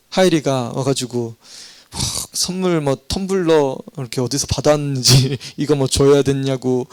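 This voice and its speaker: A middle-aged man, a pastor, preaching a sermon in a church and telling stories with animated voices. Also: medium pitch, clear, resonant tone, dry recording. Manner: animated storytelling, acting out voices in quotes. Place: church sanctuary.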